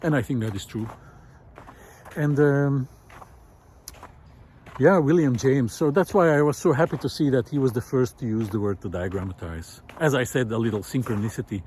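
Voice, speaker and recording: A male vlogger's mid-range, darkish voice carries a reflective, unscripted talk as he walks outdoors in a snowy park, hesitating thoughtfully over his words. He speaks at a moderate pace over slight background noise.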